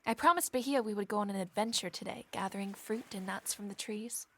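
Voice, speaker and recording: A woman's voice: medium pitch, fast, pushed and bright, husky. A woman playing a free-thinking young Regency lady in a stagey period drama, genteel and questioning. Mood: bright, friendly.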